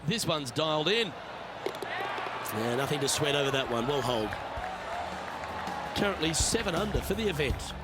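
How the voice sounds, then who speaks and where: A man playing an upbeat golf commentator in a video game, giving short, measured play-by-play remarks on each shot. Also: on the high side, expressive, natural voice. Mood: upbeat, approving. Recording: loud music and crowd behind.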